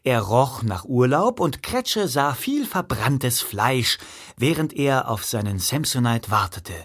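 A man narrating a comic audiobook in a wry, expressive storytelling manner. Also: medium pitch, slow pace, slightly rough.

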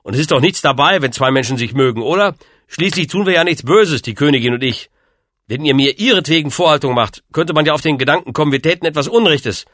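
Man doing a steady, earnest young knight with a bright, lively voice, for a storybook reading. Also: on the low side, normal speed, dry recording, clean studio sound. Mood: pleading. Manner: firm, level and reasonable.

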